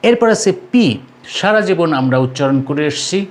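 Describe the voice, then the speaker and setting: A man with a Bangladeshi accent teaching an online class, slowly repeating each sound three times for the learners to copy. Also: sits high, expressive. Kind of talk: online lesson.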